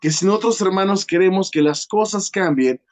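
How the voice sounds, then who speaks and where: A man preaching a sermon as a guest preacher. He is earnest, constantly addresses the congregation directly, and leans on pauses and filler sounds. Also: high voice. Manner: peppers nearly every phrase with a direct address to the congregation.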